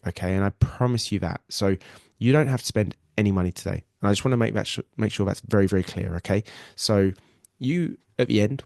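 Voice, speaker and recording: An English man with a nasal cold hosts a live weight loss webinar, sounding earnest and reassuring and often repeating himself. His voice is lowish, creaky and somewhat dark, recorded at studio quality with no room sound. He works as a weight loss coach and podcast host.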